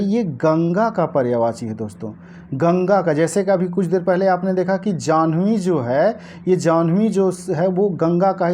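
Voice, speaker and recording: A woman teaching an exam-prep lesson, explaining answers to past-paper questions and repeating key words slowly for her viewers. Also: fairly low pitch, warm tone, slight background noise.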